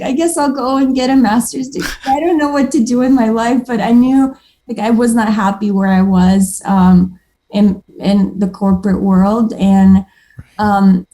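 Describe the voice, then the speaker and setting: A woman from Moldova, whose first languages are Moldovan and Russian, chats as a guest in a casual interview. Her voice is a little high and mellow, and she's upbeat and chatty, often restarting her sentences and letting out little laughs.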